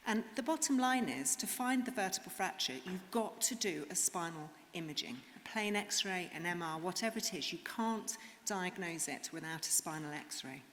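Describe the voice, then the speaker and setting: A woman's voice: on the low side, lively intonation, moderate pace, few pauses, fairly bright tone. Woman lecturing in a reverberant hall. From England. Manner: earnest, explanatory, with frequent ums. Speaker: conference speaker, rheumatologist. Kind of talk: conference talk. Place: conference hall. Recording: reverberant hall, faint noise.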